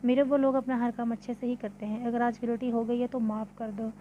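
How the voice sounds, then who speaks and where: A woman's voice: on the high side, flat delivery, brisk, narrow, tinny audio, a little hiss or hum, natural voice. Woman reading a stern, exasperated mother. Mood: reasoning. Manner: reproachful, lecturing.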